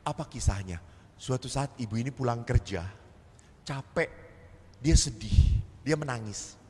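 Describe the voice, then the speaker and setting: Animated priest in a reverberant church. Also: male voice, medium pitch, unhurried, slight background noise. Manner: animated storyteller who acts out dialogue. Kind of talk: seminar talk in sermon style. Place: large church.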